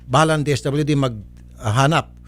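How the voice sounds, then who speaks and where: A man's voice: medium pitch, moderate pace. A man hosting a public service show, scolding a caller with curt refusals and mocking laughs. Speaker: radio-TV public service host. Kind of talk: stern on-air case ruling.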